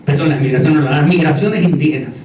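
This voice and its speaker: A man's voice: on the high side, fast talker. Male conference speaker, Puerto Rican Caribbean Spanish accent, conversational and emphatic through repetition; very roomy sound with faint noise. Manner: conversational, repeats words for emphasis, seeks agreement. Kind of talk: informal conference lecture with asides. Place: echoey indoor conference room. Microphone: distant microphone. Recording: echoey room, distant dull mic, faint noise.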